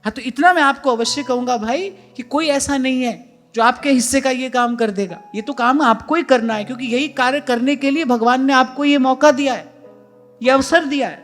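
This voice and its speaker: A man's voice: extremely high pitch, moderate pace, a bit bright, soft background music. Earnest man giving a devotional sermon. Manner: earnest, repeats key phrases for emphasis; addresses listeners directly as "brother". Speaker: spiritual teacher. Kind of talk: devotional discourse. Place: ashram hall.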